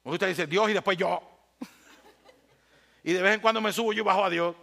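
Animated high-voiced male pastor preaching. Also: moderate pace, creaky. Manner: animated preaching that swings from loud to hushed, with humor. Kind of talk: sermon.

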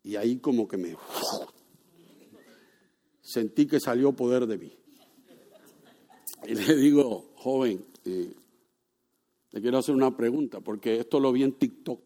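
Drawing on his own stories, a pastor preaches in a relaxed manner, asking questions of his congregation before growing loud and forceful to press his point. He speaks unhurriedly at a medium pitch and leaves long pauses.

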